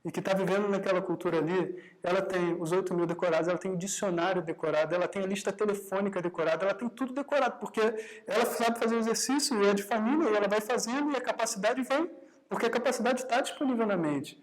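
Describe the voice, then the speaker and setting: A man's voice: high voice, fast talker, rough recording. A man leads a live meditation workshop. His tone is conversational and easy, and he keeps checking in with his listeners. Now and then he slips into short acted-out exchanges. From Brazil. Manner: conversational, often adds tag questions to the audience; acts out quoted dialogue in his own talk. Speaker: meditation teacher.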